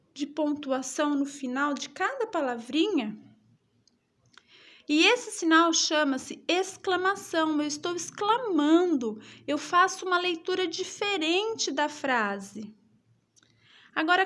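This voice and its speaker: Woman, Brazilian Portuguese accent, teacher, high voice, very slow, clearly stressed reading to children. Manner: slow, expressive reading with exaggerated intonation. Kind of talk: reading a lesson aloud to schoolchildren.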